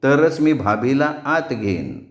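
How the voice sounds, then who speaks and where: A teasing royal lady from a storybook tale, voiced by a male storyteller, bargaining in a playful tone. She speaks slowly, and the voice carries a roomy echo. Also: medium pitch, very animated. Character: teasing royal sister-in-law at a doorway rite.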